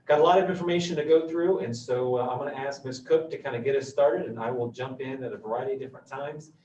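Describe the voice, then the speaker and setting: A man speaking through a face mask, giving halting, accommodating opening remarks as he facilitates a meeting. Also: medium pitch, mellow. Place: meeting room, relayed over a video call. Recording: echoey room, dull distant mic, faint noise.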